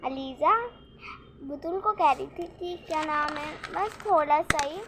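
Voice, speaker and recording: A young woman vlogger telling a rambling, excitable story about her day in casual chat. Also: high-pitched, unhurried, noisy background. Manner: rambling, restarts often, excitable retelling.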